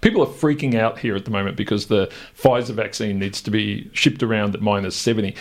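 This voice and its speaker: A man's voice: on the low side, fairly quick. An Australian man hosting a radio interview, chatty and joking, asking loose rambling questions. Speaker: radio host.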